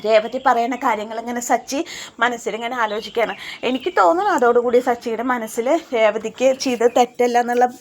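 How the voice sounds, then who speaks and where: A woman retelling a TV serial episode for her channel in a rapid, chatty storytelling manner with fillers. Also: a little high, a little hiss or hum. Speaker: serial recap channel host.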